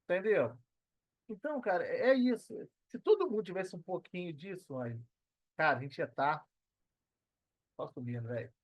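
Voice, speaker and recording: Long pauses break up this man's animated, high voice, which moves at a moderate pace with no echo. As a Brazilian digital entrepreneur guesting on a podcast, he talks in a casual, slangy, conversational way, earnest and emphatic and prone to repeating phrases.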